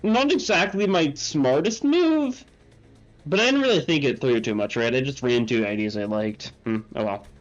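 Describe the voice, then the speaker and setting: A man's voice: mid-range voice, lively intonation, normal speed. A man giving casual, offhand commentary while playing a game, heard on muffled audio with faint game music. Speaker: let's play host.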